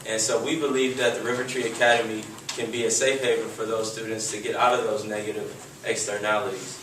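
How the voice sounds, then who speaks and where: A young man from Texas opens his team's presentation in an earnest tone, with the odd uh between phrases. He sounds distant in a roomy hall with clear background noise. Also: on the low side, a bit bright. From Houston, Texas. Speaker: student presenter. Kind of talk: class project presentation. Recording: distant mic in an echoey room with background noise.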